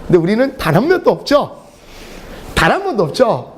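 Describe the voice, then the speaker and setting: A middle-aged man with a high, brisk voice teaches English to a class in a lecture full of humorous storytelling. He is animated and joking, often laughing mid-sentence and between sentences.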